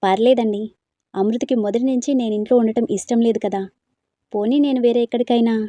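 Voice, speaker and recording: A woman's voice: on the high side, steady tone, fairly quick, mellow, no room sound, close to an everyday voice. A woman reading a storybook, voicing a cheeky young man who teases playfully. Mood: polite. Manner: playful teasing.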